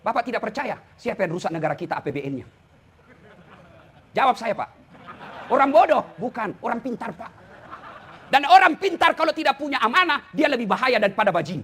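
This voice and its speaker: Male preacher, very high and bright voice, teasing and humorous; keeps addressing listeners as "Pak". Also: sing-song, brisk, pauses often, a little hiss or hum. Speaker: preacher and lecturer. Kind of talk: humorous sermon to officials.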